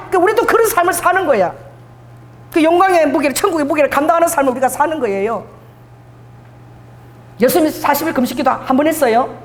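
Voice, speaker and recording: A woman pastor preaching a sermon in a church, animated, with asides to the congregation and acted quotes. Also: high voice. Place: church sanctuary. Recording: reverberant hall.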